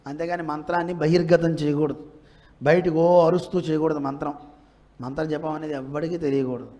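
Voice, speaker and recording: A man giving a devotional discourse, chanting verses slowly and asking the audience rhetorical questions with emphasis. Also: a little high, fairly even intonation, dark tone. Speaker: religious teacher.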